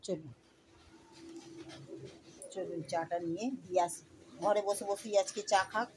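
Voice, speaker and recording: Her mid-range voice stays fairly level and unhurried as this home-cooking vlogger talks to viewers like friends while she cooks in her kitchen. Background noise is audible.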